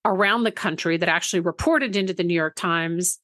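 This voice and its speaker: A woman's voice: fairly low pitch, fairly quick, fairly bright tone, dry recording. Chatty woman podcast co-host, dry close sound. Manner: chatty, self-correcting, laughs easily. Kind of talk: casual podcast chat.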